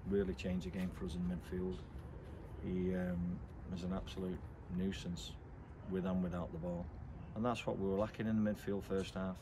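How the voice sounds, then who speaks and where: A middle-aged English man, a football manager, giving a blunt, measured post-match interview outdoors at night, with frequent ums. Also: sits low, flat delivery. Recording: outdoor noise behind.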